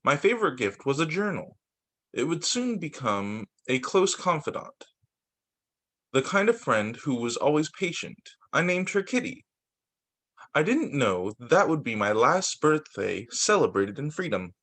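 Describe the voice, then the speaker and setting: A man acting as a teacher reads a children's book aloud at story time, sometimes stumbling, repeating phrases, and tossing in casual asides. His voice is fairly high and fairly bright, unhurried, with big pitch swings.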